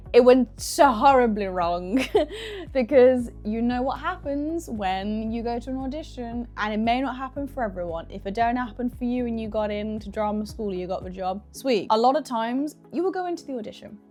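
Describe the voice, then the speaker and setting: A young woman with a northern English regional accent, chatting casually as she gives audition advice to camera and acting out little voices along the way. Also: on the high side. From Midlands or North of England. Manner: chatty, animated, acts out little voices in quotes. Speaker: actor giving audition advice.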